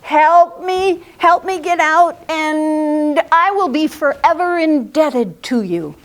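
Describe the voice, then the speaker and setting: A woman's voice: sits high, takes it slowly, voice pushed up. A woman voicing a trapped male tiger, calling out in a growly, pleading voice during live storytelling. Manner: loud calling cries.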